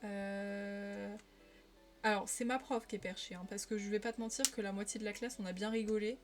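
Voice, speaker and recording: A young woman streamer talks casually to her chat as she colors, in a mid-pitched voice that sits right in the middle. She keeps up a chatty, familiar run of talk aimed straight at her viewers. A bit of soft music plays quietly behind her. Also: fairly even intonation, normal speed. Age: young adult.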